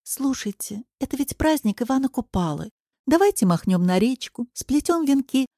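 A woman's voice: high-pitched, very animated, moderate pace, mellow, no room sound, studio quality, voice pushed up. A woman reading the part of a grumbling woman near forty in an audiobook. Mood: wistful.

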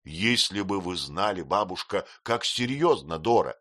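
Man playing a young lover, earnest, fervent, lively voice, dry recording. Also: low-pitched, unhurried, no room sound, full character voice.

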